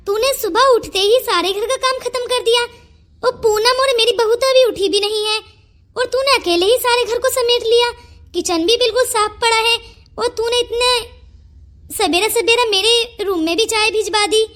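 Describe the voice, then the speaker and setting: A woman's voice: very high-pitched, a bit bright. A woman voicing a chatty older aunty in a cartoon story who showers fond praise. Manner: effusive, fond.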